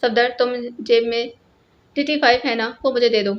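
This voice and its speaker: A woman's voice: fairly high pitch, fairly even intonation, close to an everyday voice. A woman voicing a stern male spy leader who barks curt orders, in a storybook reading. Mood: brisk. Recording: lo-fi, dull sound.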